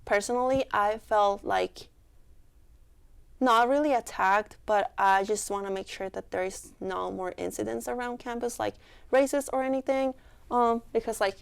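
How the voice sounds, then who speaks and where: A young woman from Mexico, a student club member, answers interview questions earnestly in Mexican-accented Spanish, using many fillers. Her mid-range voice is clear, resonant, and creaky, with fairly even intonation at a normal speed.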